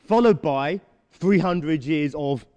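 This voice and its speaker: Man, motivational speaker, high and very lively delivery, echoey hall sound. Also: lo-fi sound. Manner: keeps checking in with the room through quick rhetorical questions. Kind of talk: live talk to a young audience.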